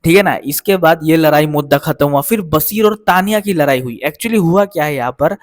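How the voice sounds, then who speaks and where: A man with a somewhat higher voice talks through a reality show recap off the cuff, rambling from one event to the next. He keeps stopping to check that his listeners follow. The sound is close and dry, with no room around it. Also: brisk, no echo. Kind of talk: casual spoken episode recap.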